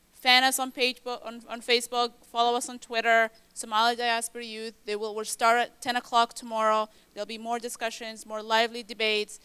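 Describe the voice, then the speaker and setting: A woman moderating a conference, wrapping up the day with upbeat, brisk closing remarks. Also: fairly high pitch, bright, forceful tone, clean tone, no room sound.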